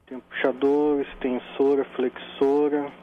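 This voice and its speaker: A man's voice: mid-range voice, flat delivery, a little slow. A man heard over the phone, answering questions about his used gym equipment in short, guarded replies that turn defensive. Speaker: prank-call target selling gym equipment. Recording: tinny phone line with faint hiss.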